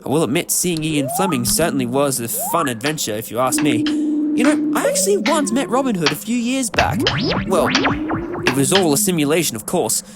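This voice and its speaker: An eccentric time traveller acted by a man in a fan audio drama, chatty and whimsical. The pitch leaps about in a very animated, theatrical way, with prominent music underneath. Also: normal speed. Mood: upbeat, rambling. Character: eccentric, excitable male time-travelling adventurer, talkative and whimsical.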